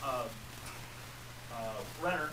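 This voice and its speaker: A man's voice: a little high, slow pace, pushed and bright, rough recording. A man, the show's sound engineer, chatting casually about movies. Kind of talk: casual chat.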